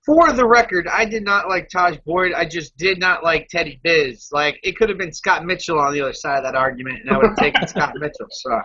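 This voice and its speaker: A man's voice: a little high, fairly quick, few pauses, bright, forceful tone, breathy edge. A man co-hosting a fantasy football podcast in casual chat, opinionated and jokey, running the segments. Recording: dull lo-fi audio.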